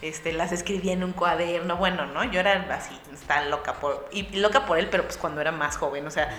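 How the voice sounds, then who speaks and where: A young woman with a Mexican Spanish accent, telling a lively anecdote to friends and acting out the voices of the people in it. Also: fairly low pitch, fast talker, roomy sound, a little hiss or hum. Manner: lively storyteller acting out voices with bursts of laughter.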